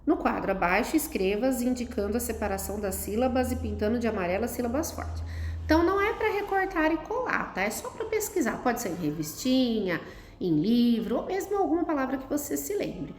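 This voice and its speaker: A woman's voice: fairly high pitch, sing-song, a little fast. A woman teacher, patiently explaining a lesson to children step by step and checking in with "tá?". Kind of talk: recorded classroom lesson for children. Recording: echoey room, faint noise.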